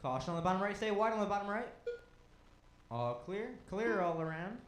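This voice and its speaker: A man directing a race, calling out lineups, cautions and standings in brisk, clipped commands. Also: high voice, expressive, reverberant. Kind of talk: live race calling over a PA.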